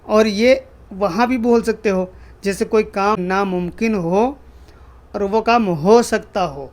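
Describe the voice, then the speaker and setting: High-voiced man teaching spoken phrases. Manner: repeats each phrase slowly and explains it. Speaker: Arabic language teacher. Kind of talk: spoken language lesson.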